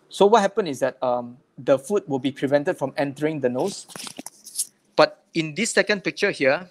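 A male speech therapist walks listeners through a health talk with slides. His voice sits a little higher than most men's. He explains in plain terms and often repeats words while finding his phrasing.

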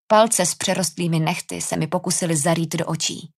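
A woman's voice: fairly low pitch, fairly even intonation. A woman narrating a first-person fantasy audiobook with a tense, dramatic delivery.

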